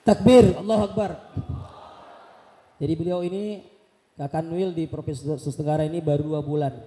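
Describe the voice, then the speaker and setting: A man's voice: on the high side, level tone, fast talker, dark tone. Fervent man on an echoey hall PA. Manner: fervent, leads takbir chants, retells dialogue animatedly. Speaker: Islamic boarding school leader welcoming guests. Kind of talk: ceremonial welcome speech. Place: large mosque hall. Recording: echoey PA sound in a big hall.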